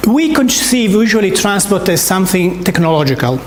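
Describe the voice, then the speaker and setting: An Italian man with an Italian accent gives a research talk in a seminar room, and his high-pitched voice swings widely in pitch at a brisk pace. His delivery is hesitant, full of fillers, restarts and repeated words. The echoey lecture-room recording carries a faint hiss or hum.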